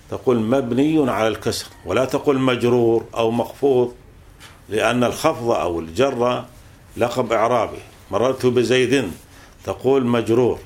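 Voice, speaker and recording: A man's voice: mid-range voice, darkish tone. A man teaching a classical grammar text, explaining patiently and repeating points with fillers.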